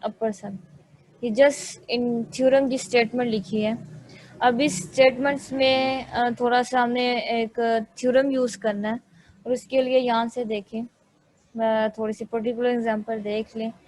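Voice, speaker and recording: A woman giving a slow, step-by-step math lecture, thinking aloud as she writes. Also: a little high, flat delivery, a little mellow, low-quality recording. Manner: slow, methodical, thinks aloud while writing.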